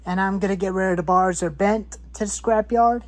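Speaking fairly quickly with fairly even intonation, a woman in her twenties vlogs about her chainsaw hobby, rambling over saw parts in a cluttered garage and repeating items as she lists them. Her voice is medium-pitched with a darkish tone.

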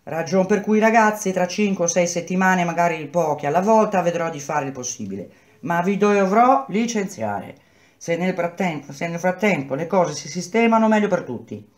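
A woman reading aloud and voicing a middle-aged male contractor who smoothly explains hard news to his workers. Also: fairly low pitch, expressive, normal speed, natural voice. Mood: persuasive. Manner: persuasive, explanatory, speaks to workers as a group.

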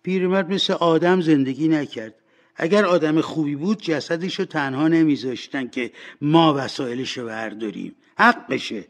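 A man voicing a spiteful old washerwoman in an audiobook, indignant and shrill.

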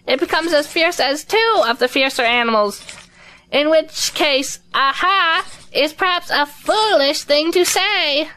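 A woman's voice: high voice, sharp tone. A woman playing a timid, earnest, very small piglet in a children's storybook audio drama, anxious in manner.

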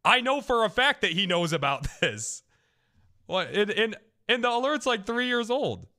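Lively, bright-voiced ranting man. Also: high-pitched, moderate pace. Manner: heated ranting, heavy swearing. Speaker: streamer. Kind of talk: casual chat.

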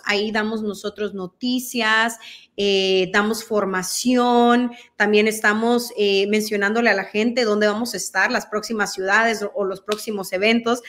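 On a video call from a dim room at home, a woman in her thirties from El Salvador speaks Spanish with a Mexican-sounding accent as a guest. Her mid-range voice is fairly bright, and she talks earnestly with many fillers and restarts, picked up by the laptop mic.

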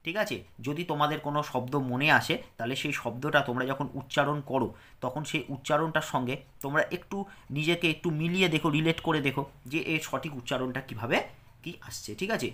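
Bright-voiced man drilling syllables. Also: a little high, fast. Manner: patient, drilling syllables with frequent check-ins. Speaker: teacher. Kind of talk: pronunciation lesson.

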